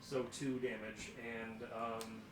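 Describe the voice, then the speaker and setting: A man playing a tabletop game, joking and riffing quickly. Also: lowish voice, flat delivery. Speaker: player. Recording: roomy, distant mic with clear background noise.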